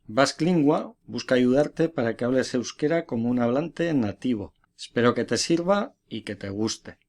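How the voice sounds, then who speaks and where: A man's voice: mid-range voice, expressive, normal speed, a little mellow. A man teaching a language lesson, patiently repeating each phrase twice and encouraging learners to say it with him. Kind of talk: slow, deliberate language lesson.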